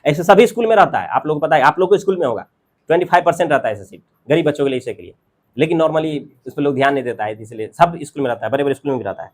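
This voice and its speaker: A man teaching a class, reading English passages slowly and explaining them in Hindi with everyday examples, with an Indian English accent. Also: a little high, lively intonation.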